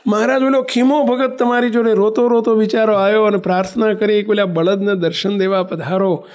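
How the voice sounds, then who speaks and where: High-voiced preacher telling a story. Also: male voice, brisk. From western India. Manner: animated storyteller who acts out dialogue and chants verses. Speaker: religious preacher. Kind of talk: devotional storytelling sermon.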